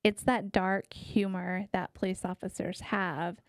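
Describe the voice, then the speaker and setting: A woman co-hosting a casual reaction podcast, calmly pushing back on her co-host. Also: mid-range voice, no room sound, studio quality. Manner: measured, pushes back calmly, laughs easily.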